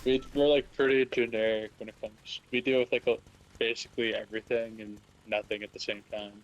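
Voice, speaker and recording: A man's voice: mid-range voice, little pitch movement, a little fast, rough recording. Blunt man in casual chat. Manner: blunt, swears, dry. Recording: faint background noise.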